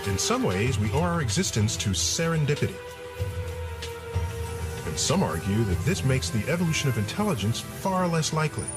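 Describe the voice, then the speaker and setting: A man's voice: mid-range voice, big pitch swings, normal speed, over music. A man hosting and narrating a scripted nature documentary.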